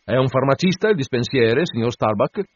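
A man voicing an indignant, suspicious ship's mate who rants loudly and mocks others. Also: mid-range voice, animated, brisk, no room sound, pitched above the performer's own voice, lightly acted. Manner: loud, indignant, mocking rants. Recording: dull dry radio broadcast.

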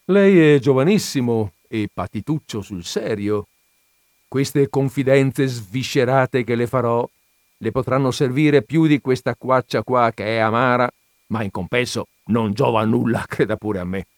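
A man's voice: mid-range voice, unhurried, no room sound, clean studio sound, natural voice. A man reading an audiobook, voicing a fat, jovial middle-aged man who is garrulous and boastful, chatty and confiding.

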